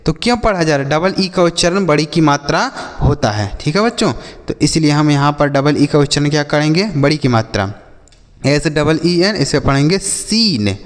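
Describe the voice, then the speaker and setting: Male teacher, Hindi accent, patient spelling drill, lingering reverb. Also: a little high. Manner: spells words out slowly, asks and answers his own questions. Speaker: English teacher. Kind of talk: classroom lesson.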